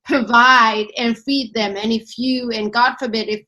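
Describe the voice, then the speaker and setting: A woman's voice: on the high side, steady tone, measured pace, bright, forceful tone. A woman from Iran and Sweden hosting a conversational interview, earnest and affirming, sometimes searching for words. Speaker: host.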